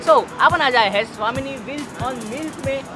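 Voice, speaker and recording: An upbeat young food vlogger from Maharashtra, India, with a high voice that runs a little slow, gives a casual food review. Outdoors on a street beside a bus he's chatty, loud and upbeat to camera, then quieter and relaxed while eating inside a bus restaurant. Background music runs under his voice.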